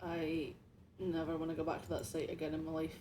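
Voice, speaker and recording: A man's voice: a little high, monotone, a little fast, warm tone, a little hiss or hum. A young adult streamer chatting casually while playing a game, playful, laughing often and tripping over his words. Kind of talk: casual gaming stream chat.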